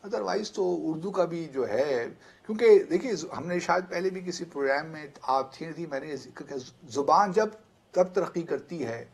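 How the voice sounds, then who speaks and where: Husky male pundit, measured and hesitant, long explanatory answers. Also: a little high, expressive. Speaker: studio analyst guest. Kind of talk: talk show political discussion.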